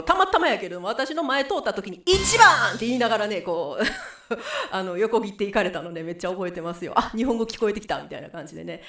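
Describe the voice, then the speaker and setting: A woman's voice: mid-range voice, a bit bright, reverberant. A woman with a Kansai accent, hosting a chatty, rambling live-stream talk as a musical singer. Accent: Kansai Japanese.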